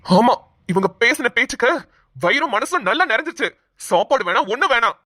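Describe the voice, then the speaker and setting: Indignant hot-tempered young man in a cartoon; high, bright, dry. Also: lively intonation, a little fast, no echo. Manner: indignant, scolding. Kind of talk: cartoon voice acting.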